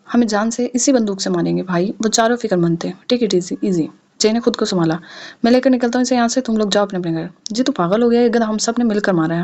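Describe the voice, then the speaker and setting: A woman's voice: mid-range voice, darkish tone. A woman narrating an audio novel, reading each character's lines in her own voice. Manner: reads all characters' dialogue in her own voice.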